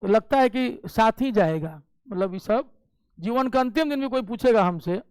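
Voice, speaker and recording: A male teacher from Bihar gives an exam coaching lecture, explaining step by step and checking in often with his class using "ठीक है". His voice sits high and is darkish and smooth, with lively intonation at normal speed, in a dry recording.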